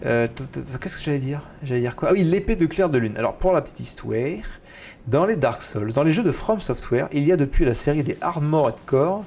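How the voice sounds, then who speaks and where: A French man casually commenting on a video game he is streaming, chatty and excitable. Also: on the high side, fairly quick, a little hiss or hum. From France. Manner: chatty, excitable, swears at setbacks.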